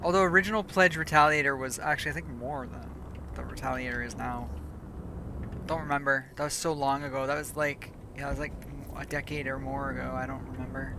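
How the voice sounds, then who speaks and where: Streaming a game, this woman rambles in easy conversation, fixing her words mid-sentence while she gradually loses her voice. Her bass voice stays fairly even in intonation and moves briskly over background noise.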